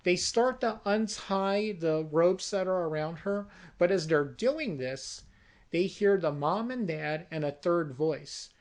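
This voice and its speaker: A storyteller slowly and deliberately pitches a comic horror movie in dramatic narration that builds tension. The voice is expressive, middle-pitched, and somewhat dark in tone.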